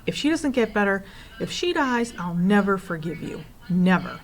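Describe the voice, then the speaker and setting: A woman's voice: medium pitch, sing-song, normal speed, lightly acted. A woman voicing a fierce, loyal young boy in a storybook, speaking emphatically and defiantly. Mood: angry, defiant.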